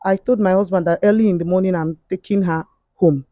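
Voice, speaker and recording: A woman tells her story in a halting way, stopping often to restart her sentences. Her voice has a mellow, darker tone at a middle pitch. The sound is dry and close. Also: fairly even intonation, no echo, muffled recording. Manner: halting, with frequent fillers and restarts. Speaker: confessing guest. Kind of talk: emotional spoken testimony.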